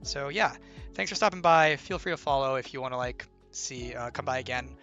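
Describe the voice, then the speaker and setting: Over soft background music and through dull audio, a young game designer chats loosely with stream viewers, rambling with lots of "like" and "right?" and teasing them. His mid-range voice is a little fast, bright and forceful, with a slight strain from illness.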